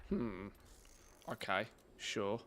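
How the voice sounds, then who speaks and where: Gravelly man talking through gameplay. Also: lowish voice, lively intonation, very slow, fairly bright tone. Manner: thinking aloud, informal. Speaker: gaming content creator. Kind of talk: casual gameplay commentary.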